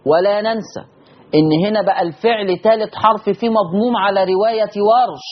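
A teacher with an Egyptian Arabic accent gives a lesson on Quran readings, explaining quickly and then stretching out recited words slowly. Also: medium pitch, muffled recording.

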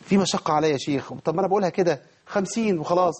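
A man's voice: high voice, rapid-fire, a little mellow, breathy edge. A man with an Egyptian Arabic accent teaching a tajweed lesson. He quizzes his students and models each pronunciation for them. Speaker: Quran recitation teacher.

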